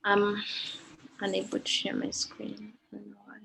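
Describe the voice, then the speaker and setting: A woman from Rwanda, presenting a medical lecture over a video call and pausing often with ums. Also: mid-range voice, completely flat delivery, vocal fry, fairly bright tone, slight background noise, rough recording. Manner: hesitant, frequent ums and uhs. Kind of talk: online conference presentation.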